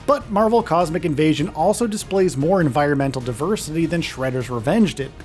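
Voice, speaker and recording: An enthusiastic man reads a scripted countdown video in an informal style. His voice sits a little high and moves up and down with lively pitch, over background music. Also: a little fast. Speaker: video game countdown narrator. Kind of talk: scripted top ten countdown narration.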